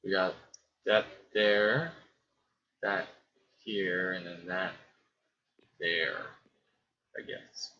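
A man's voice: low-pitched, steady tone, drawn-out words, long pauses, muffled recording. A man muttering to himself and chuckling as he builds, giving casual gameplay commentary. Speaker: gameplay streamer.

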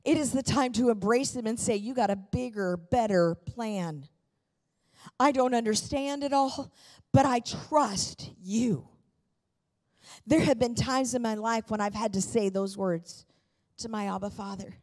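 A middle-aged woman pastor stands on a church stage in a large auditorium, preaching a sermon full of personal stories into a handheld mic. Her voice is a little high with a darkish tone and a measured pace, and she speaks with fervent emphasis, repeating phrases.

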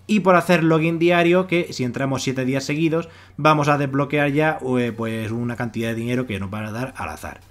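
A man with a Spain Spanish accent narrates a screen-recorded walkthrough in a quick, chatty voice-over. His pitch sits in the middle range. He circles back on his words, leaning on "pues" and "o sea" as he explains. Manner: fast, repetitive, filler-heavy explaining. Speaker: online money-making video host.

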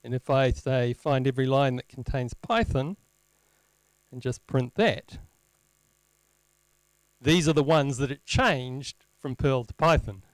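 Guy doing a casual live tech demo, slowish and halting, dry wry humour, slightly high voice, no room echo. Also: smooth. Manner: wry, self-deprecating humour; halting, thinking aloud while typing. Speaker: presenter at a tech meetup. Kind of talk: informal live technical demo talk. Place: indoor lecture room, presenting at a screen. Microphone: handheld microphone.

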